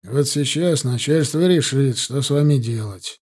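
A narrator gives a hurried senior sergeant who sounds practical and a little breathless. His voice is dark and husky. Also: mid-range voice. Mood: brisk.

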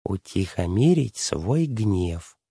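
A woman listening to a story and answering in short, slow replies. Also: a bass voice, sing-song, dark tone, husky, no echo, studio quality.

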